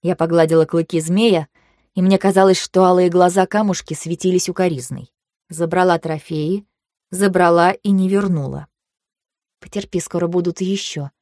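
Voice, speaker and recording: A woman narrating a fantasy audiobook in the first person, with a measured, even storytelling manner. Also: fairly low pitch, no echo, studio quality.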